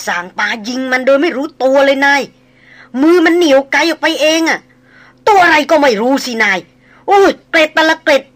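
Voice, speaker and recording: A woman voicing a shaken male tracker, talking loudly and excitedly. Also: high-pitched, moderate pace, pitched above the performer's own voice.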